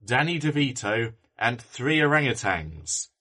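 A man's voice: medium pitch, big pitch swings, a little slow, pushed and bright. A man co-hosting a casual film podcast, rambling with fillers and restarts. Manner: rambling, many ums and restarts. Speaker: podcast co-host.

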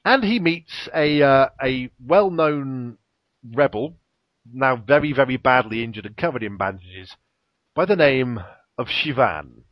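A man's voice: mid-range voice, expressive, measured pace, dry recording, muffled recording. A man casually retelling the plot of a TV episode in a rambling way, with fillers and little chuckles. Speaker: podcast co-host recapping an episode. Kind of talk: casual chat, episode recap.

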